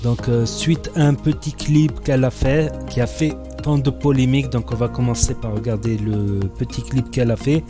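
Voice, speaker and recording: A man's voice: mid-range voice, steady tone, moderate pace, few pauses, over music. A man casually introducing a reaction video as its host. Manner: casual, plain spoken.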